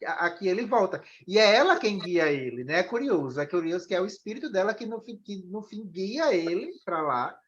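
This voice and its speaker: A man's voice: sits high, animated, a little fast, hardly any pauses, dull audio, slight background noise. A man moderating a discussion after a film screening, talking with many restarts and "né?" tags.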